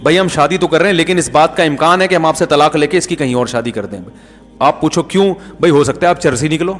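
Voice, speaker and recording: Middle-aged Pakistani Urdu-accented male preacher, anecdotal and jokey, fairly high voice, long hall reverb. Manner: jokey storytelling, acts out dialogue. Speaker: Islamic preacher. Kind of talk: conversational sermon with anecdotes.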